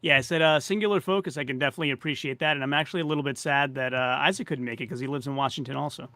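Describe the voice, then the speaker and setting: Bright, dry-sounding male interview host. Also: medium pitch, racing, no echo. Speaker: podcast host. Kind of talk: casual interview chat.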